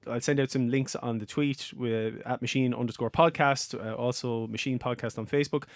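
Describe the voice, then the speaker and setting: A middle-aged man talking casually as a podcast host, with a medium-pitched voice. He rambles, circles back and restarts his sentences. The recording is close and dry. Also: steady tone, moderate pace, no room sound. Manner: rambling, self-interrupting storyteller. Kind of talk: casual panel chat.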